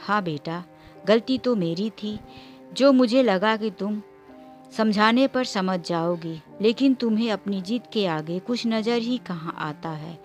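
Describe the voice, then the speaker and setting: A woman's voice: mid-range voice, unhurried, soft background music, natural voice. Give me a stern, disappointed older father, read by a woman in a storybook. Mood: reproachful. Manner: stern, reproachful.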